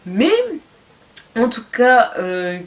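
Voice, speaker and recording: A woman's voice: medium pitch, drawn-out words. Chatty, enthusiastic young woman vlogger. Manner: enthusiastic, chatty, with frequent fillers. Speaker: fashion and beauty vlogger. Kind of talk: casual haul video chat.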